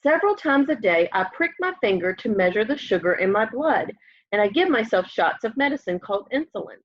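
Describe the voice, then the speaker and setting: Sitting in a room near a window, a woman reads a picture book in a very animated, mid-range voice at a fairly quick clip. She keeps it simple and expressive, like she's speaking to young children, captured with slightly muffled home webcam audio.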